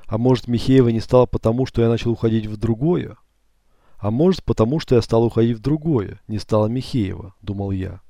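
A man narrating an audiobook in the first person, with a calm, measured reading. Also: mid-range voice, dry recording, studio quality.

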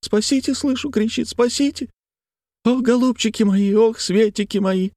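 Weepy lamenting maidservant woman, as a male reader does her, very high, shrill, sing-song wailing. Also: moderate pace, darkish tone, no echo, clean studio sound. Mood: tearful lament.

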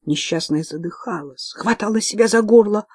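A woman narrating a novel in the first person, measured and even. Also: mid-range voice, breathy edge, no room sound, studio quality. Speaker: audiobook narrator.

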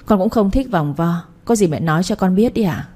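A woman's voice: fairly low pitch, animated, a little fast, dark tone. A woman voicing a young wife who defends herself earnestly and politely. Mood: indignant.

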